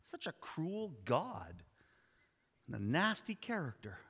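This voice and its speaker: A man's voice: fairly high pitch, wildly swooping pitch, slow, a bit bright, breathy edge, in a large hall. A man preaching a sermon in a conversational way, with wry asides and emphatic repetition. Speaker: pastor.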